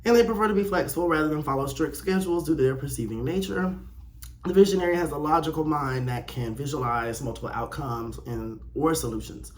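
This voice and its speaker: A young man hosting his personal video channel reads aloud and reacts solo in a casual, slangy, bluntly opinionated manner. He speaks briskly in a voice that's a little high.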